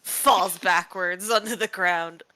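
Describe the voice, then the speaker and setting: A woman with a bright, clear tone narrates her character's actions in a tabletop game. She talks slowly and stays giggly and playful throughout. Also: on the low side.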